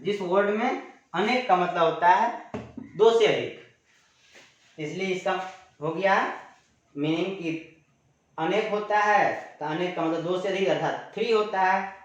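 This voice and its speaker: Echoey male grammar teacher. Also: high-pitched. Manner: explains slowly, repeating definitions, drawing out example words. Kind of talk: classroom lecture. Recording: echoey room, dull lo-fi sound.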